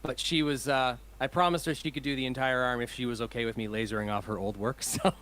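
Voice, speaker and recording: A man's voice: medium pitch, steady tone, quick pace, fairly bright tone, a little hiss or hum. A man who is a musician, chatting in an interview over a video call, enthusiastic and rambling, often laughing. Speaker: musician guest. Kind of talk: casual interview chat.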